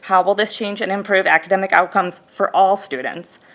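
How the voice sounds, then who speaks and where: A woman's voice: mid-range voice, fairly even intonation, normal speed, fairly bright tone. A woman reading her prepared remarks steadily during public comment at a school board meeting.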